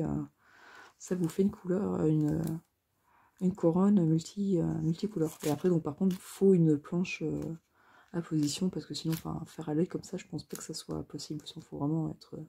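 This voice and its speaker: A woman rambles casually through a craft-supply haul, full of fillers and self-mocking asides. Her voice is dark and mellow, with a husky, breathy edge. Gravelly fry runs under her words. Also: low-pitched, steady tone, normal speed. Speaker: crafting vlogger.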